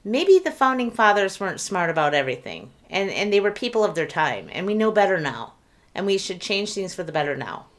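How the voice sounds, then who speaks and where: A woman's voice: mid-range voice, very animated, fairly quick. A woman co-hosting a podcast, speaking in an earnest, emphatic way. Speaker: podcast co-host. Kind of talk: casual podcast discussion.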